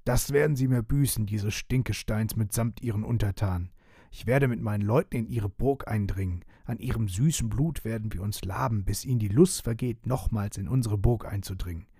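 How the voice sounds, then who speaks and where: A man's voice: fairly low pitch, normal speed, dark tone, breathy edge, dry recording, studio quality. A man voicing a confused, vengeful old vampire knight who stammers and speaks in stiff, old-fashioned formality, in a read-aloud storybook. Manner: stammering, archaic formal speech. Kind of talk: storybook reading.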